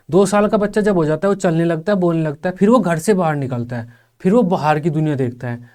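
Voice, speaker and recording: Young male teacher-trainer, slightly high-pitched, patient step-by-step lecture with drawn-out syllables. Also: a little mellow. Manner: explains step by step, repeating and sounding out syllables slowly. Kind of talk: online exam-prep lecture.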